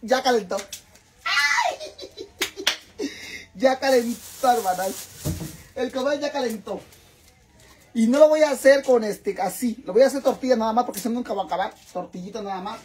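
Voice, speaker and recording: A man's voice: extremely high pitch, a little fast, a little mellow, a little hiss or hum. A man with a Mexican accent talking in a casual cooking vlog. He is dramatic and chatty, swears freely, and keeps calling his viewers sisters. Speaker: vlogger.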